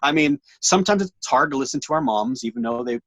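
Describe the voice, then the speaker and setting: A man in his forties telling his story as an interview guest, animated and slangy, rambling with lots of restarts. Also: medium pitch, quick pace, no echo. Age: 40s.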